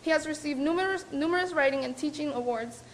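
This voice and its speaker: A woman's voice: sits high, fast talker, slight background noise. A young woman, a student organizer, reading a prepared introduction of a speaker in a formal, careful way with small slips. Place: lecture hall with audience.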